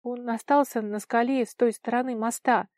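A woman's voice: a little high, steady tone, normal speed, a little mellow, no room sound, clean studio sound, pitched above the performer's own voice, lightly acted. A woman reader voicing an anxious, commanding young celestial woman, urgent and imperious in speech.

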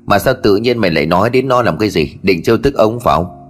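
A man's voice: lowish voice, expressive, fast, soft background music, natural voice. A man voicing a bad-tempered, half-deaf middle-aged village chief who curses and scolds in a storybook tale. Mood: irritable. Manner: gruff, scolding, cursing.

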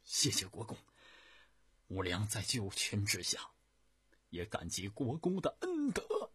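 A man voicing a loyal young male officer who declares his readiness to die, in a loud, high, fervent delivery with a husky edge. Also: huge pitch swings, unhurried, no room sound, heavily acted. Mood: grateful.

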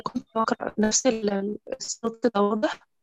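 A woman's voice: medium pitch, steady tone, a little fast, soft background music. A woman with an Egyptian Arabic accent, a student on an online lesson, speaking politely and apologetically while her internet audio keeps breaking up. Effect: choppy, breaking-up internet call audio. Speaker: student reciting to a teacher. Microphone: online video call. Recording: dull lo-fi internet call.

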